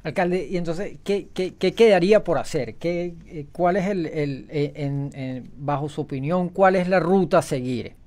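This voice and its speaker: A man interviewing a guest, asking a question in a halting, hesitant way. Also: on the high side, darkish tone. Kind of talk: political interview.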